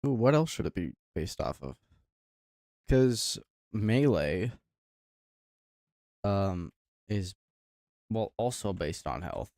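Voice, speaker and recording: A man's voice: lowish voice, very animated, takes it slowly, long pauses, darkish tone, no room sound, studio quality. A man livestreaming while coding, thinking aloud in a mumbling, trailing-off way. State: talking with his mouth full.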